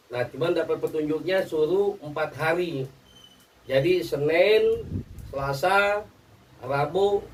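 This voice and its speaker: A man gives casual religious teaching, his voice sitting a little high for a man. He talks plainly, dropping small fillers and asking if everyone follows. The mic is set some way off, with a faint hiss of noise behind him. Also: far from the mic, poor audio. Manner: conversational, with frequent "ya" and "nah" fillers; checks that listeners follow. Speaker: Islamic spiritual teacher.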